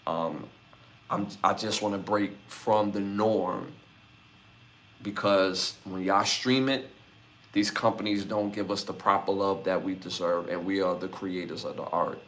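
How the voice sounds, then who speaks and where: Signing off a live podcast stream, a man in his forties speaks slightly slowly in a somewhat low, fairly even voice. Easygoing and loose, the host thanks his viewers individually, calling each out by name.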